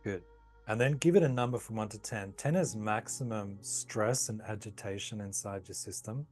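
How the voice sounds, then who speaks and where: A man calmly leading a guided tapping session, giving slow, soothing instructions. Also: lowish voice, faint music behind. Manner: calm, slow, soothing guidance. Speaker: tapping practitioner.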